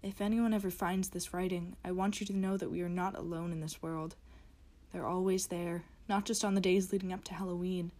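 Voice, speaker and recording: Woman reading as a frightened diary writer; hushed, mostly whispered, slightly low. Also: steady tone, fairly quick, lightly acted. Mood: fearful. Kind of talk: reading horror fiction. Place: closet.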